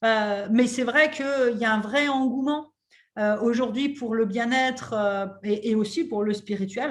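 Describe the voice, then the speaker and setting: Woman podcast host, kinda high voice, casual animated chatter with fillers. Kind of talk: casual interview chat.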